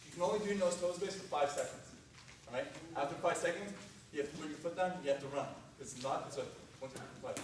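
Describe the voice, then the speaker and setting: A man's voice: a little high, fast talker. A man leading a workshop, explaining a tag game in steps with an upbeat, playful manner and frequent laughs. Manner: upbeat, playful, laughing often while giving instructions. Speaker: workshop leader. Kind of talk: teaching a group game in a workshop. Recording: distant mic, echoey gym with noise.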